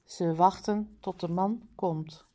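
A woman reading a simple storybook aloud and practising single words one by one, in a deliberate way. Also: lowish voice, fairly even intonation, mellow. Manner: very slow, deliberate, word by word. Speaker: reader. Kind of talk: slow reading aloud with word drills.

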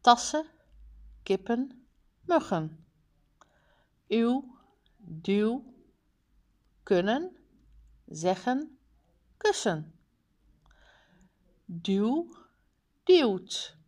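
A woman reading a simple storybook aloud and practising single words one by one, in a deliberate way. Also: on the high side, sing-song. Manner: very slow, deliberate, word by word. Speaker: reader. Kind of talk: slow reading aloud with word drills.

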